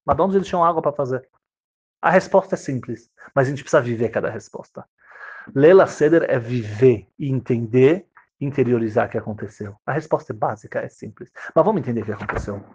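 A man's voice: medium pitch, brisk, darkish tone, slightly rough, dull audio. A man teaching a Torah lesson, reading Hebrew verses and explaining them with theatrical, dramatized storytelling.

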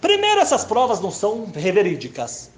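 A brash young lawyer with a high, loud, showy voice, ranting in dramatic bursts, as a storyteller acts him out. The pitch jumps far above the teller's own and the delivery swings wildly. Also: male voice, wildly swooping pitch, brisk, roomy sound, a little hiss or hum. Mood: theatrical.

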